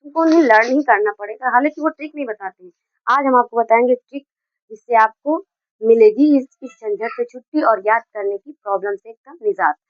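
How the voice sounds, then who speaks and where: A woman teaching English grammar in Hindi, explaining step by step and dictating example sentences slowly word by word. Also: fairly high pitch, no room sound. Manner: explains step by step with many restarts. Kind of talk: Hindi video lesson on grammar. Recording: dull, dry lo-fi recording.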